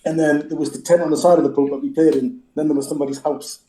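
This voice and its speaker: A man from a tribute band, talking in a laid-back, halting way in a casual interview. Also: a little high, level tone, a crowd in the background. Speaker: band member. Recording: roomy echo.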